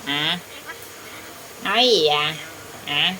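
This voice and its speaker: A woman's voice: low voice, expressive, slow pace, bright, forceful tone, slight background noise. A woman with a Southern Vietnamese accent talking to her pet parrot, teasing it and asking it questions over and over. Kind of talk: casual talk to a pet.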